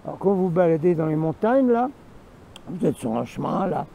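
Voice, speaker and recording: Man, fairly high-pitched and gravelly, rambling vlog storyteller with running asides; faint noise in the background. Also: big pitch swings, moderate pace, dark tone, rough recording. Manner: rambling, repetitive, talks to himself in asides. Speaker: vlogger. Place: outdoors in the mountains.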